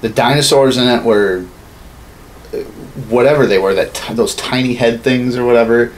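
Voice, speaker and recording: Medium-pitched and at a normal pace, this podcast co-host in his thirties rambles through a casual, opinionated talk on films and games, swearing frequently. The recording is rough, made indoors in a small home studio with clear room noise in the background.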